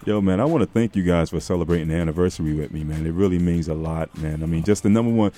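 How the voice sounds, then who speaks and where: A man's voice: low voice, fast talker, warm tone. A man hosting a radio show, chatting casually with guests in a laid-back way, often tossing in "man". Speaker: radio host. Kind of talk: casual on-air chat.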